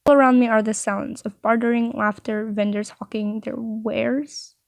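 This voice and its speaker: A woman's voice: fairly high pitch, steady tone, moderate pace, vocal fry, dry recording, clean studio sound. A woman reading a visual novel aloud, with playful asides between narration. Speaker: story reader.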